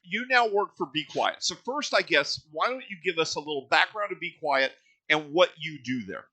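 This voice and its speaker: Chatty man with a very bright voice. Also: fairly high pitch, animated, moderate pace. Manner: easygoing, teasing, chatty. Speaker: podcast host. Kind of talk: casual podcast chat.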